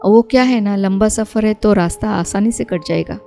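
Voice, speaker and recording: A woman voicing a polite, curious young working woman stranded on a night road, in a mellow tone. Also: mid-range voice, moderate pace, vocal fry, soft background music, natural voice. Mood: friendly.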